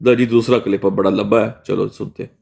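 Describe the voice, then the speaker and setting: A man's voice: lowish voice, steady tone, quick pace, vocal fry, a little mellow, breathy edge. A man hosting a heated religious debate stream, accusing and lecturing. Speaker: host reviewing clips.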